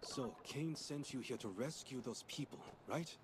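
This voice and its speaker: Guy doing a guarded rebel contact for a game, terse orders, mid pitch, noisy background. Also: moderate pace, natural voice. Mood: guarded, serious. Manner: terse, instructing. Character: male undercover contact, guarded, no-nonsense rebel operative. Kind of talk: video game voice acting.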